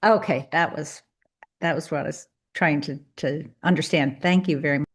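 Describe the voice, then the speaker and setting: A woman's voice: low voice, moderate pace, husky. A woman committee member asking puzzled, probing questions.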